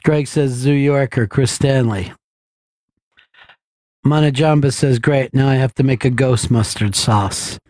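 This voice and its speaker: A man's voice: mid-range voice, unhurried, a little mellow, no echo. A man hosting a radio show, teasing his co-hosts with plenty of laughter and reading out listener comments. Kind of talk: casual studio banter.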